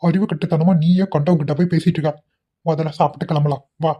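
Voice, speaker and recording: A woman's voice: sits low, steady tone, fast, dull audio. A woman voicing a blunt, short-tempered young husband in a cartoon, talking in a curt, scolding way. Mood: irritated.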